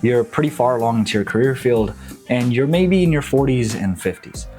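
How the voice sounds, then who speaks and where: Young male realtor vlogger from Nepal, enthusiastic and slangy, mid pitch, soft music underneath. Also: a little fast. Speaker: real estate agent. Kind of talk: casual promotional vlog.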